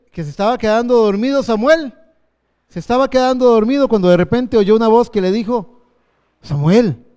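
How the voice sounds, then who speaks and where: High-voiced, smooth male pastor. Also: darkish tone. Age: 50s. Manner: earnest, slows for emphasis. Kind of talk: sermon.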